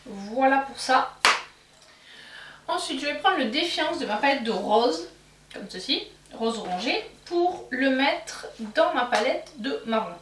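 A woman's voice: high-pitched, lively intonation, measured pace, a bit bright, slight background noise. A woman chatting casually through a makeup haul, self-mocking and full of fillers, recorded in a roomy space a little away from the mic. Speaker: beauty vlogger. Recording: roomy, somewhat distant mic.

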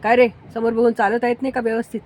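A woman putting on a rude shouting car driver. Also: extremely high pitch, level tone, racing, a little hiss or hum. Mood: angry. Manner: loud, aggressive.

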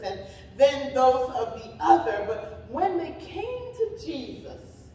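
A woman pastor giving a slow, deliberate, dramatic reading of scripture during a sermon. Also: on the high side, slight background noise. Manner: slow, deliberate reading with shouted cries for emphasis. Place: church sanctuary. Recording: echoey church hall from far off.

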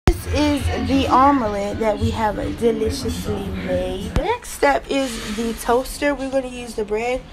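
A woman's voice: a little high, a little slow, hardly any pauses, over music, poor audio. A young woman giving a casual step-by-step cooking demonstration in a small home kitchen, talking to a phone camera. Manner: chatty, step-by-step, repeats "we're gonna".

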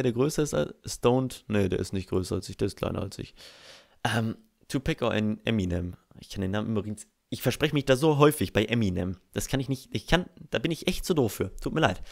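A young German man hosts a let's play, narrating his game in casual, rambling commentary. He swears freely and pokes fun at himself. His voice sits at an ordinary male pitch with a gravelly, creaky texture.

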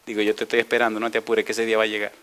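Animated, bright-voiced male pastor preaching. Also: racing. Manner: animated storytelling, rhetorical questions to the congregation; rises to loud, high preaching. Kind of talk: sermon with personal story.

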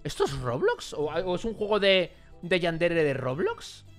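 A young man with a Spain Spanish accent gives casual reaction commentary as a YouTuber, jumping between loud exclamations and muttered asides. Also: fairly high pitch, huge pitch swings, a little slow, faint music behind.

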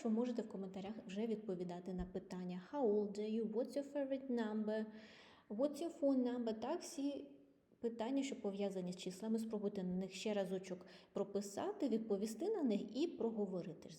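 A woman's voice: medium pitch, lively intonation, mellow. Patient woman teaching, roomy reverb. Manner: patient, clear, slow model pronunciation of English words. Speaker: English teacher. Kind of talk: online language lesson. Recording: long reverb.

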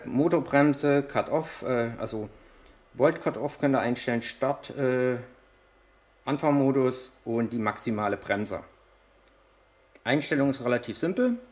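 A man's voice: mid-range voice, measured pace, darkish tone, rough recording. A man giving a hands-on tutorial on a model truck, explaining each step while he handles the parts, with frequent hesitations. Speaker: RC model reviewer.

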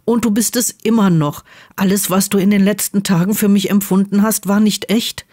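An earnest, troubled young wizard who speaks in a quiet, insistent way and sometimes pleads, read by a woman in her own natural voice. The tone is mid-pitched and plain, as in a storybook read aloud. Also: fairly even intonation, moderate pace, close to an everyday voice. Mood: grave.

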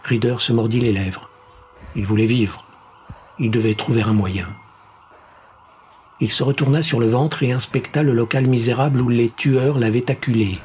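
A man reading a science-fiction thriller aloud in a steady, suspenseful narration. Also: mid-range voice, moderate pace, pauses often, slight background noise. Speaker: audiobook narrator. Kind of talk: scripted narration.

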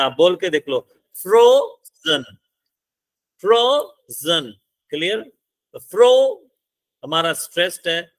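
A male teacher lectures in a bright, clear voice at an unhurried pace, with a slightly high pitch. He breaks things down step by step, poses questions and answers them himself, and reads verse lines aloud slowly. The sound is close and dry, with no room echo. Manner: explains step by step, asks and answers his own questions; mixes English terms into his talk, reads verse lines slowly. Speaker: English literature teacher. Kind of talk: classroom lecture.

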